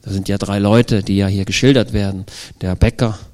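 A man's voice: lowish voice, steady tone, a little fast, a little mellow. A man preaching a sermon, asking the congregation rhetorical questions and drawing out the phrases he stresses.

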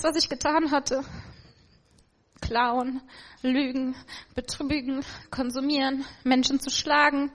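Emotional German woman telling her testimony. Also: a little high. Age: adult with children. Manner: emotional, reflective storytelling. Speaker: testimony speaker. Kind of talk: personal faith testimony.

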